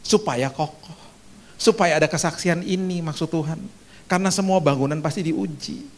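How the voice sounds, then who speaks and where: A middle-aged male pastor preaching a sermon with a personal testimony, telling the story in a lively way and acting out voices with sudden loud, high bursts. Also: normal speed.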